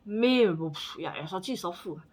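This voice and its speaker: A woman's voice: lowish voice, animated, a little fast, darkish tone. A woman in her forties, chatting casually on her vlog, rambling with many fillers and a slightly stuffy nose. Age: 40s. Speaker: vlogger. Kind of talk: casual chat.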